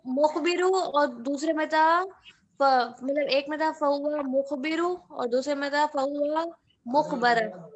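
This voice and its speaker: Slow-talking woman student, unsure. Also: high voice, muffled recording. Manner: unsure, questioning and self-correcting. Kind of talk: reciting in an online class.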